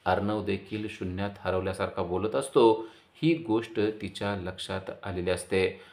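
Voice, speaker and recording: A man's voice: low-pitched, normal speed, vocal fry. A man narrating a recap of a TV serial episode, retelling scenes and quoting the dialogue. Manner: steady retelling with quoted dialogue.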